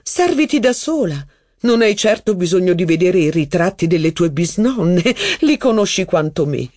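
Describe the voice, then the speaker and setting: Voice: mid-range voice, sing-song, normal speed, darkish tone, no room sound, studio quality, pitched above the performer's own voice. A reader doing a composed old marchioness. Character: older, dignified aristocratic marchioness. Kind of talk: audiobook reading.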